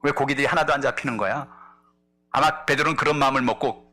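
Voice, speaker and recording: A male pastor preaching a sermon, telling a story with energy and acting out the characters' lines, moving between loud exclamations and hushed asides. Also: medium pitch, quick pace, slight background noise.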